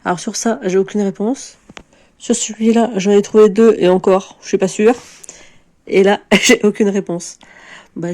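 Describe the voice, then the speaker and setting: A woman's voice: on the low side, mellow, slight background noise. A woman in her forties from France, chatting casually to camera in a rambling, self-mocking way with many hesitations. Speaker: book vlogger.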